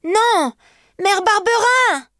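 A woman voicing a desperate young peasant boy who pleads and cries out in a high, loud voice. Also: lively intonation, drawn-out words, dry recording, clean studio sound, heavily acted. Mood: pleading. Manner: pleading, crying out.

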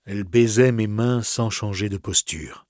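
A man reading a classic novel aloud as narrator, expressive and softly dramatic. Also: lowish voice, measured pace, no room sound, studio quality. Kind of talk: literary audiobook reading.

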